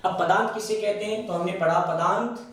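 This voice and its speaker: A man's voice: high-pitched, a bit bright. A man with a Rajasthani Hindi accent teaching Sanskrit grammar in a classroom lecture, posing questions to himself and answering them, stretching out key sounds. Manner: asks and answers his own questions, slows on key sounds. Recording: very echoey room, mic far off.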